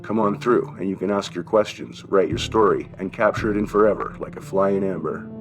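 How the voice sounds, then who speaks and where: A man with a low, fairly quick voice plays a kind, wry old German shopkeeper in an audiobook story, giving him a thin accented voice, avuncular rhetorical questions, and chuckles. The mood is wry and encouraging, and the rough recording sits over music.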